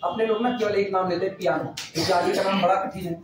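High-voiced man lecturing in an echoey room. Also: steady tone, quick pace, crowd noise. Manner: chatty, repeats phrases while dictating. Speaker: math teacher. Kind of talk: classroom lecture. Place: classroom. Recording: echoey room, mic far off.

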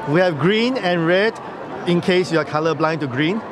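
A Singaporean company tech chief gives a brisk, persuasive product demo at a busy indoor trade show, filling pauses with "uh." His handheld camera mic is held close, but loud crowd chatter fills the noisy hall.

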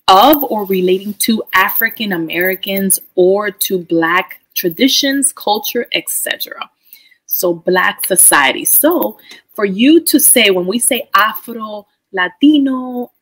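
Husky woman teacher from the Dominican Republic. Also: mid-range voice, a bit bright, poor audio. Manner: chatty, explaining step by step with questions to the viewer. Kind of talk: educational video presentation.

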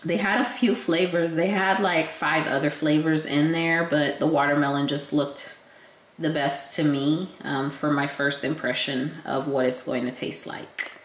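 A young woman talks to her vlog camera in a relaxed, rambling way, her voice a little raspy and hoarse as she gets over being sick. She sits on the lower side of the pitch range, with plenty of ums between her thoughts. The sound bounces around an echoey room, with a faint hiss underneath. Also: unhurried. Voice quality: slightly raspy. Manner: chatty, relaxed, frequent ums. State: recovering from illness, a bit hoarse. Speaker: vlogger. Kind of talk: casual vlog chat to camera. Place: at home, indoors.

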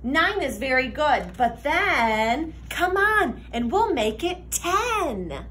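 A young woman reads a picture book aloud to children in a classroom, her high voice swinging widely in pitch. She delivers it slowly and expressively in a sing-song, teacherly style, making the story animated. Faint room noise can be heard behind her.

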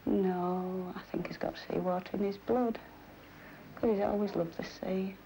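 Lowish-voiced woman on faintly noisy film. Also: fairly even intonation, a little slow, warm tone. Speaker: wife of a lifeboat crewman. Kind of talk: informal interview answers.

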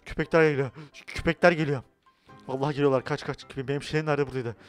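Excitable young Turkish gaming YouTuber. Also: male voice, medium pitch, quick pace, soft background music. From Turkey. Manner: excitable, loud outbursts and playful chatter. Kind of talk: Minecraft let's-play role-play.

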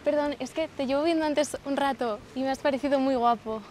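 A woman's voice: high-pitched, darkish tone, slight background noise. A woman in her twenties from Salamanca, chatting up strangers in an outdoor park in a forward, upbeat way. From Spain, Salamanca. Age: 20s. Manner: forward, upbeat, quick to ask. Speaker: host of a street flirting experiment. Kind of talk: casual flirting with strangers.

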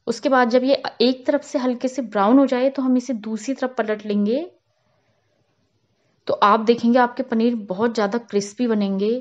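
The slightly dull, lo-fi voice-over comes from a cooking channel host, a woman with a fairly high voice who isn't on camera. At normal speed, she calmly explains each step of a home cooking tutorial.

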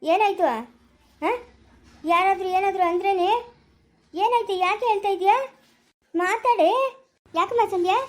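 A woman's voice: extremely high pitch, steady tone, measured pace, pauses often. A woman playing an insistent village elder sister. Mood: coaxing. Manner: pressing, insistent questioning. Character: caring elder sister-in-law, firm and insistent. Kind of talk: amateur family drama acting.

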